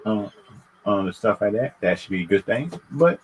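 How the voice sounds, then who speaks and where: A man with a lowish voice and lively intonation hosts a livestream, talking casually with viewers and voicing opinions. His delivery is stammering and repetitive, and the low-quality recording carries a little hiss or hum.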